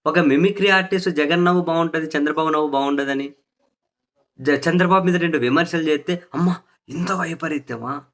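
A man's voice: on the high side, steady tone, brisk, a bit bright. A man delivering opinionated political commentary, sarcastic and indignant, hammering points home by repeating phrases.

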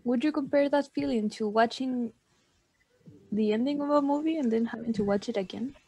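A woman's voice: a little high, a little fast, mellow, breathy edge. Giggly woman. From Chile. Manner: playful and giggly. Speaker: game developer. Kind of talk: casual live-stream chat.

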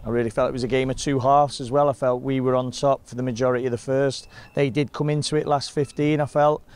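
A man, a football manager giving a measured, frustrated post-match interview outdoors. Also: medium pitch, flat delivery, a little mellow, clean tone. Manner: measured, frustrated, plain-spoken. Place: outdoors in front of a sponsor board.

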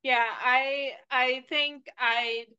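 Slow-talking high-voiced woman host. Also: steady tone, bright, forceful tone, smooth, muffled recording. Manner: encouraging, short affirmations. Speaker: interview host. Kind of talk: casual interview conversation.

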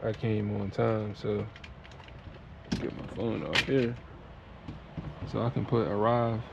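A man's voice: fairly low pitch, flat delivery, slow pace, gravelly. A man who drives a truck, talking to his vlog camera from the cab in a laid-back, slangy, chatty way. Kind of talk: casual vlog talk to camera. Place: inside a truck cab at a warehouse. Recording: noisy truck cab ambience.

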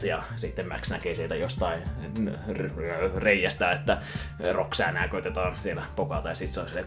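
A man casually retelling a cartoon film from memory, animated and quick to slip into voices. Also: low-pitched. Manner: animated, breaks into voices and laughter. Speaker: YouTuber.

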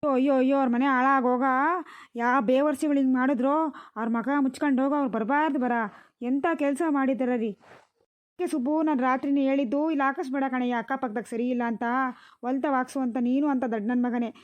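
A woman plays a cartoon village matriarch, an older woman with a rural Karnataka Kannada accent who scolds, laments and curses. Her voice sits high and rattles along quickly. The sound is dry and dull, a little lo-fi. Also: fairly even intonation, dry recording, lightly acted. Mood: lamenting. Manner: scolding, lamenting, cursing loudly. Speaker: mother-in-law and wife in a cartoon household. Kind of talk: cartoon voice acting.

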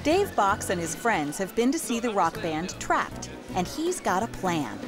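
Lively female documentary narrator. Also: mid-range voice, a little slow. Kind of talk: scripted narration. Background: music.

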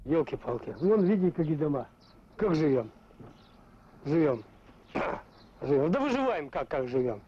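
Resigned male local, casual interview, fairly high voice, dull recording, faint noise. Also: big pitch swings, unhurried, long pauses, dark tone. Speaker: local resident.

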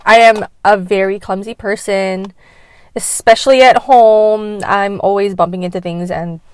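A woman's voice: mid-range voice, fairly even intonation, unhurried, smooth, no echo. Chatty swearing woman in a car. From Canada. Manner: chatty, swears often, fills with "like", laughs a lot. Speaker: mukbang vlogger. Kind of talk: casual chat while eating. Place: inside a car, cars passing outside. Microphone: camera in a car.

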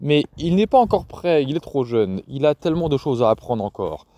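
A man voicing an elderly grandmother who is gentle but firm, by turns pleading and indignant. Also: mid-range voice, big pitch swings, brisk, close to an everyday voice.

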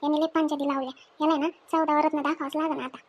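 Woman acting fearless village woman, very high voice, scolding. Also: little pitch movement, muffled recording, heavy background noise, close to an everyday voice. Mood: defiant. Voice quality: scolding, teasing, rapid rural speech. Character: feisty village woman, sharp-tongued, fearless.

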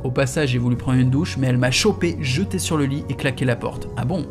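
A man's voice: medium pitch, fairly quick, over music. A man reading a novel aloud in the first person, in a casual, slangy storytelling manner. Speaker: audiobook reader.

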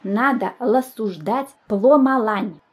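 A woman voicing a plump, stubborn schoolboy who lisps and pouts, speaking slowly. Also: on the high side. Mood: sulky insistent. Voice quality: lisping, says l for r. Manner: slow, pouting delivery.

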